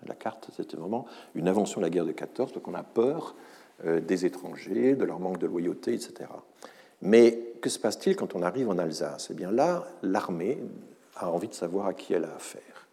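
Deep-voiced lecturer in a reverberant hall. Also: male voice, expressive, normal speed, gravelly, mellow. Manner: hesitant, many fillers and restarts, wry asides. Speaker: university lecturer. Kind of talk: academic lecture.

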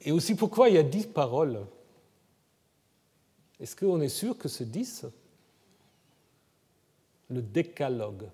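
Male lecturer, slightly high, mellow voice, conversational, recorded in a long-reverb hall. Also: very animated, slow, long pauses, slightly rough. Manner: conversational, frequent "hein?" tag questions. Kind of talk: academic lecture.

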